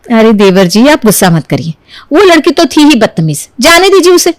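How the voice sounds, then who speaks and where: A woman's voice: fairly high pitch, big pitch swings, normal speed, no echo. A woman voicing a sensible young sister-in-law in a cartoon who tries to talk sense into him. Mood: persuasive. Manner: persuasive, chatty.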